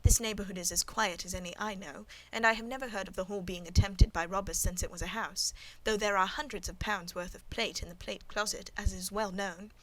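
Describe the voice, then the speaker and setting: A woman reading the part of a guarded, composed middle-aged servant woman, speaking calmly and demurely in a storybook. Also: medium pitch, fairly quick, hardly any pauses, lightly acted, poor audio.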